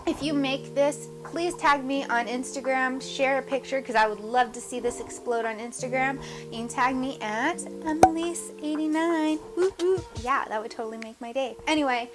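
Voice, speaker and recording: A chatty, upbeat woman walks viewers through a recipe on her home cooking show, talking to them directly. Her voice sits a little high, and soft music plays faintly behind her. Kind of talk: casual cooking demonstration.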